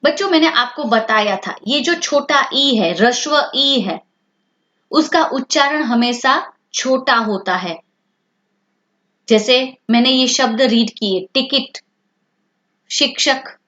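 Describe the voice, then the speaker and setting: A woman teacher with a fairly high voice who talks slowly and patiently. She asks her pupils a question and then answers it herself. The sound is dull and lo-fi. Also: animated, pushed and bright. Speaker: language teacher. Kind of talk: explaining a language lesson to children.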